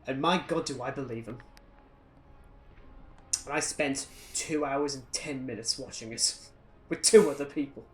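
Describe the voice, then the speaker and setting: Soft music plays behind a British man co-hosting a podcast as he casually reviews films. His mid-range voice moves at a measured pace with long pauses, and his takes come out opinionated, sardonic, and ranty.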